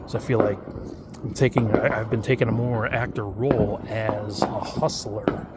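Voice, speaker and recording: A man's voice: fairly low pitch, steady tone, moderate pace, very noisy. A man vlogging outdoors at night, rambling casually with many fillers and hesitations. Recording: loud fireworks and firecrackers outdoors.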